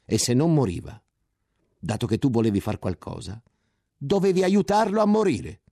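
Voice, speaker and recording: A man voicing a scornful, furious army lieutenant who shouts insults at a soldier. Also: mid-range voice, big pitch swings, moderate pace, dry recording, studio quality, voice pushed up.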